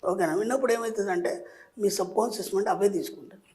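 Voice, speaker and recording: A middle-aged man, a spiritual teacher, giving advice as a guest and telling lively stories that act out what people say. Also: high-pitched, fast talker. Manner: lively storytelling, acting out quoted speech. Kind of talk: explanatory advice talk.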